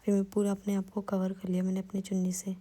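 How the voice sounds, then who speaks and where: A young woman narrating her day in an even, storytelling voice-over for her vlog. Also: mid-range voice, fast talker. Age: young adult.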